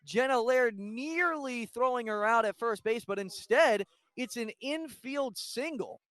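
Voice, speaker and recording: A high-voiced man does live play-by-play commentary on a softball game, tracking every pitch in detail at a measured pace. The recording sounds dry and close.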